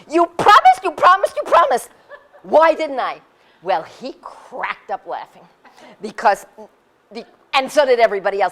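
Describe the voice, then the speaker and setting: Lively laughing woman in her sixties. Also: fairly high pitch. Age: 60s. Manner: animated, laughs often, acts out quotes. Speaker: speaker sharing her experience. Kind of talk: casual storytelling talk. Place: community center hall.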